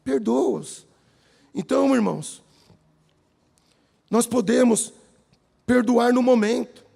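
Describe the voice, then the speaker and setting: The speaker is a man with a Brazilian Portuguese accent whose high, creaky voice moves at normal speed. He preaches a lively sermon in a church hall, telling personal stories and addressing everyone as brothers again and again.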